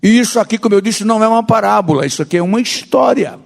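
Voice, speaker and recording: A Brazilian man preaching a sermon as a pastor, swinging from loud declarations to quiet asides. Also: high voice, animated, rapid-fire, gravelly, big-room sound. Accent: Brazilian Portuguese.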